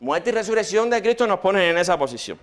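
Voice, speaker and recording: A man preaching a sermon in church, swinging between loud rhetorical questions and hushed quotations. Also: high-pitched, very animated, fast talker.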